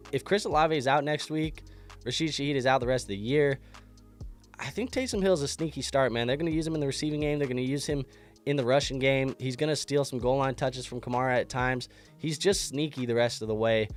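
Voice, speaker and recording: A man hosting a fantasy football show runs through a casual sports recap while congested from an illness. His medium-pitched voice comes across loose and chatty, and he restarts his sentences often.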